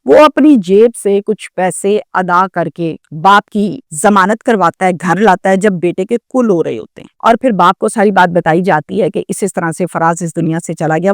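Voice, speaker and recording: A woman's voice: mid-range voice, dry recording, clean studio sound. Dramatic woman storyteller. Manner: dramatic, full of rhetorical questions. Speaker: commentator. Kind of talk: emotional storytelling commentary.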